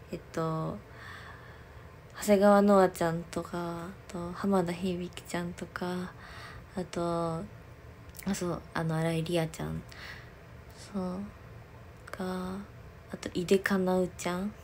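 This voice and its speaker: A woman's voice: on the low side, level tone, takes it slowly, pauses often, a little mellow, slight background noise. A young woman livestreaming as an idol, chatting casually in a giggly, rambling way with lots of fillers.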